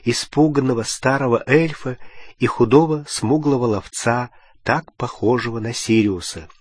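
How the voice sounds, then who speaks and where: A man reading an audiobook narration in an even, measured manner. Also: medium pitch, slightly rough, no room sound.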